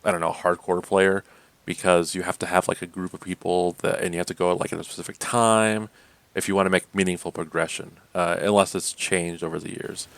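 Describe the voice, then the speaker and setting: A man co-hosting a podcast, chatting casually about games in a rambling way, full of fillers and quick laughs. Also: deep voice, level tone. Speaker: podcast co-host. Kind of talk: casual gaming chat.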